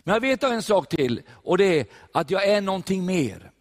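Older swedish guy giving a sermon, kinda high voice, gets really emphatic, long church echo. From Sweden. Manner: animated, rising to emphatic peaks. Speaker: preacher.

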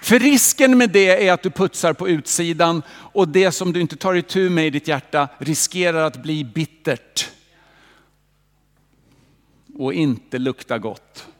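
Man, preacher, sermon, fairly high voice, rhetorical questions, long church reverb. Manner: lively, rhetorical questions and direct address to the congregation. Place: church hall.

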